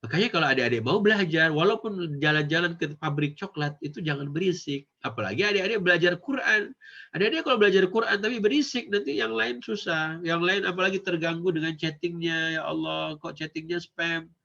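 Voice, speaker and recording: A man's voice: sits high, fast talker, bright, forceful tone, highs cut off. A man teaching children, speaking casually and asking them questions that he then answers himself. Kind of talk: casual lesson for kids.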